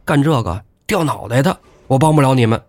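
A man's voice: mid-range voice, animated, fairly quick, darkish tone, no echo, close to an everyday voice. A man doing a jittery, greedy gatekeeper. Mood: alarmed. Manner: jittery, haggling. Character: nervous greedy male yamen gatekeeper.

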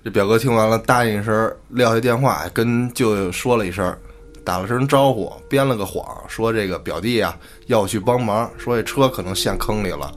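A man hosting a podcast and telling a spooky tale in a colloquial, relaxed way. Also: on the low side, brisk. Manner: colloquial, relaxed, casual swearing. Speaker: podcast host. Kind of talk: storytelling narration.

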